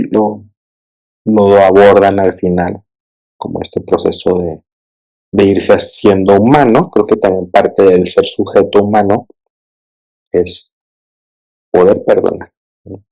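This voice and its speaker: Man, very deep voice, therapist, reflective film analysis, checks in with listeners. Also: measured pace, vocal fry, long pauses, warm tone, low-quality recording. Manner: thoughtful, often asks listeners "¿no?" and "¿sí?".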